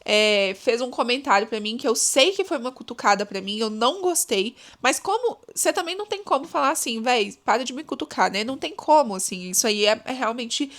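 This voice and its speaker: Young woman, podcast host, expressive, chatty, somewhat high voice. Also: brisk, hardly any pauses. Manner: expressive, chatty, often addresses listeners as "gente". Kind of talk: casual advice monologue.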